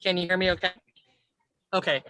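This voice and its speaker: A woman's voice: lowish voice, fairly even intonation, a little fast, sharp tone, no echo. A woman calling in from her car on speakerphone, with a connection that keeps breaking up. She politely asks to cut in and checks that she can be heard. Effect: car speakerphone call that keeps breaking up. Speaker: caller, mobile notary. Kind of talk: casual call-in question. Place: moving car.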